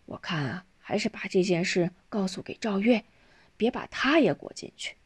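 An earnest older man talks things through with steady patience, as a woman narrator reads him. His voice swings freely up and down while he reasons. It is told as a spoken storybook. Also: mid-range voice, moderate pace, slightly rough. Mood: weary.

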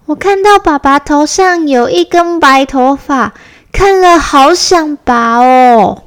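A woman's voice: sits high, slow, voice pushed up. A woman voicing a cheerful, curious little boy bear cub in a children's bedtime story. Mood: eager. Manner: bright, playful child voice.

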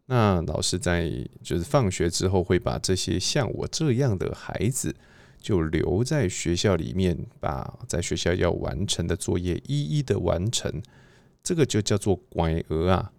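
A man gives a devotional talk on a psalm. He speaks haltingly, with frequent filler pauses. The sound is dry and close to the mic. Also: deep voice, animated, creaky, darkish tone, no echo. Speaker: preacher. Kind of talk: devotional Bible reading talk.

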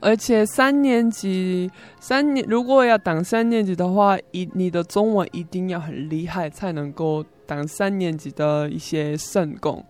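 Speaking Mandarin with a Korean accent, a young South Korean student, native in Korean, gives a personal account as a foreigner in an interview. Her fairly low, darkish voice moves at a measured pace with few pauses, though her phrasing stays simple, hesitant and repetitive. Music runs underneath.

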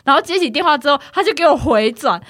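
A woman from Tainan, Taiwan, hosts a casual podcast, telling a story in a high-pitched voice at a quick pace. She's lively and acts out the voices of the people in her tale, and the recording has no room sound.

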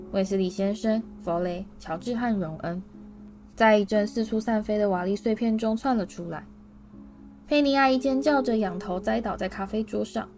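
A woman reading a fantasy novel aloud as an audiobook, animated and acting out every character. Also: medium pitch. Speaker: audiobook reader. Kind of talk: storybook narration.

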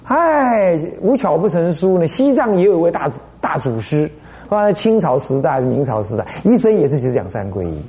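A man's voice: fairly high pitch, big pitch swings, a little fast, warm tone. An older man, a Buddhist abbot giving a dharma lecture in a teacherly way, often checking in with rhetorical questions.

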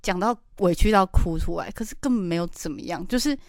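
A woman's voice: fairly low pitch, fast talker, a little mellow, no room sound, clean studio sound. A young woman, co-hosting a podcast and telling travel stories with exasperated, laughing animation. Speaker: podcast co-host. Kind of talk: casual chat.

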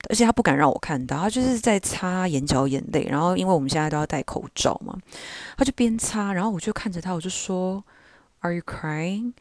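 A man with a somewhat high voice hosts a podcast as a teacher. He tells his story earnestly and reflectively, slipping English words in and restarting his sentences often. The recording is dry and close, with no room sound. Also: no echo.

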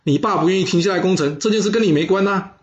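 A man's voice: sits high, racing, lo-fi sound, pitched above the performer's own voice, lightly acted. A man voicing a weak, wavering king who speaks in a casual, slightly raised voice. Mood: soothing.

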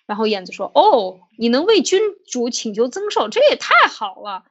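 Higher-pitched woman storytelling with fillers. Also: very animated, normal speed, dull audio. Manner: retells an old tale with many fillers and restarts, quoting figures in her own voice. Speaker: podcast host. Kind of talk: storytelling commentary.

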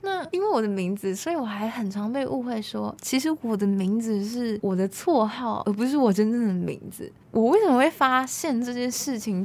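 A woman in her twenties with a Taiwanese Mandarin accent, hosting a podcast and telling a personal story in an animated, exasperated way. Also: fairly high pitch, gravelly. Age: 20s. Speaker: podcast host. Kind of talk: casual storytelling monologue.

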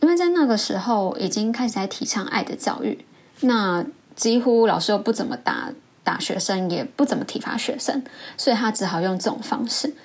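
A woman hosting a podcast, telling a story from her school days in a reflective way and acting out the people she quotes. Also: husky. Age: adult. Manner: reflective, acts out quoted voices with rising pitch. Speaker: podcast host. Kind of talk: storytelling a childhood memory.

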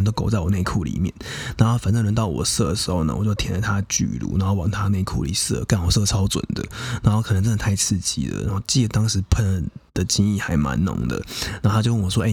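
A man's voice: sits low, a little mellow, husky, dry recording. A young adult man, hosting a podcast and casually telling a personal story in a frank, profane, chatty way full of fillers. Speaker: podcast host.

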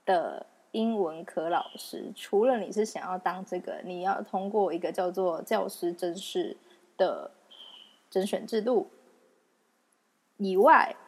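A woman's voice: lowish voice, a little slow, breathy edge. A young woman with a Taiwanese Mandarin accent, hosting a casual solo podcast in a chatty, self-mocking way and laughing often. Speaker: podcast host.

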